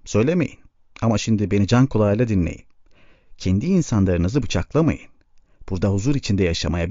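A measured, stern camp leader, read by a man in his own low, dark voice. He speaks with quiet authority. The recording sounds dull and lo-fi. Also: no echo. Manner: measured, stern but restrained.

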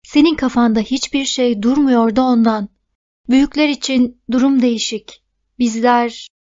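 A stern, lecturing young teenage boy, read by a woman in a fairly high voice. He talks down to his younger sister like a bossy older brother. The recording sounds dull and lo-fi. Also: steady tone, moderate pace, darkish tone, dry recording, natural voice.

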